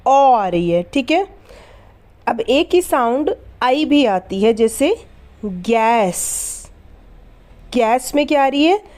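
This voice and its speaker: A woman's voice: sits high, lively intonation, slow, pauses often, darkish tone. A woman teaching English letter sounds in a lesson, spelling words out letter by letter and asking questions that she answers herself. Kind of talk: phonics lesson.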